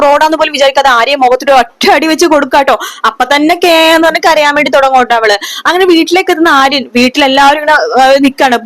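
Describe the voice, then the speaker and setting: Female vlogger, high bright voice, rapid chatty retelling with acted-out dialogue. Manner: chatty, acts out dialogue lines in quick retelling. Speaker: serial episode recapper. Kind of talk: casual spoken recap of a TV serial.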